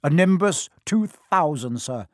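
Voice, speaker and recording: A man's voice: a little high, lively intonation, unhurried, dry recording, studio quality, pitched above the performer's own voice. A man voicing a modest eleven-year-old boy wizard who is polite while barely holding back laughter, in a storybook reading. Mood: gleeful.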